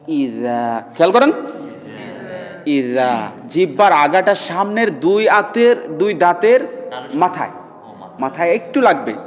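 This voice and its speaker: Male recitation teacher, high voice, stretches demo sounds and checks comprehension. Reverberant, muffled hall recording. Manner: keeps checking the class understands, drawls demonstration sounds slowly. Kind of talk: classroom pronunciation lesson. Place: classroom with students.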